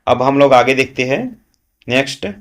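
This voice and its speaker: A man's voice: medium pitch, level tone, normal speed. A man teaching a current affairs lesson for exam students, asking questions and answering them himself, with frequent "है ना" checks.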